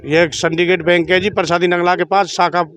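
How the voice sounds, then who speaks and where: A man's voice: high-pitched, little pitch movement, brisk, fairly bright tone. A man, interviewed as a fraud victim, complaining earnestly and firmly.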